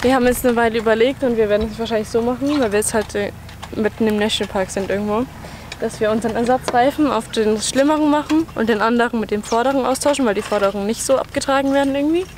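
A woman's voice: fairly high pitch, fast talker. A woman in her twenties, a travel vlogger chatting casually to a handheld camera outdoors, often laughing between sentences. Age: 20s. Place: outdoors in the bush by a car. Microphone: handheld camera at arm's length. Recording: outdoor camera audio with clear background noise.

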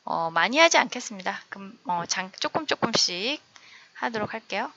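A woman teaching an online English vocabulary lesson, drilling each word slowly and giving its meaning. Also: mid-range voice, lively intonation, bright, forceful tone, muffled recording. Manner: slow, careful word-by-word drilling of English vocabulary with Korean glosses. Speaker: middle school English teacher.

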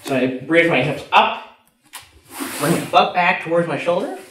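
Moving around on the mat as he demonstrates, a young jiu-jitsu coach speaks at a moderate pace with a fairly high, bright, expressive voice. The indoor martial arts gym sounds echoey, picked up by a distant mic with background noise.

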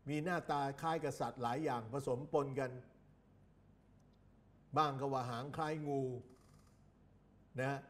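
A man giving an exam-prep grammar lecture, reading English example sentences slowly and deliberately. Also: mid-range voice. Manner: slow, deliberate, reads English examples out word by word.

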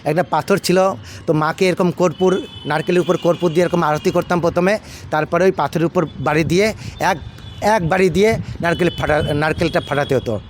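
A man from India, an ISKCON monk, recounting his past in an unhurried, casual storytelling way, repeating himself and pausing on fillers. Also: a little high, slight background noise. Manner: unhurried, repetitive, with many fillers and restarts.

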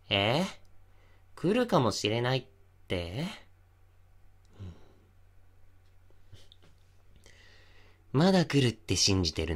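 In an intimate ASMR voice drama, a man with a fairly high voice plays an obsessive, possessive young stalker. He softly coaxes and teases, sounding menacing and taunting.

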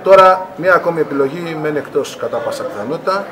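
A middle-aged man, a national team coach, giving measured post-game remarks to reporters at an arena press wall. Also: a little high, animated. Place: arena press area in front of a sponsor wall. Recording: noisy arena press area.

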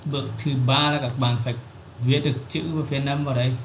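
A man, hosting a screen-recorded software tutorial and explaining it step by step with frequent filler words. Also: medium pitch, flat delivery, fast. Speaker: tutorial host. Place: at a computer, recording his screen. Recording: echoey room with clear keyboard typing noise.

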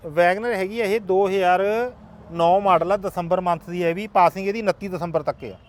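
A man with a Punjabi accent giving an unscripted used-car sales pitch, matter-of-fact, listing details in short bursts. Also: steady tone, normal speed. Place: outdoor car yard by a road.

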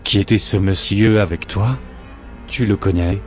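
A man's voice: lowish voice, unhurried, soft background music, lightly acted. A man voicing a worried mother in a horror story reading, anxious and questioning. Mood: uneasy. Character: worried mother, adult woman.

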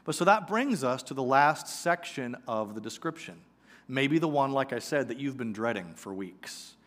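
A man in his forties, a pastor giving a conversational, animated sermon on a church stage with a headset mic. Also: mid-range voice, normal speed. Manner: conversational, animated preaching with gestures. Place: church sanctuary stage, indoors.

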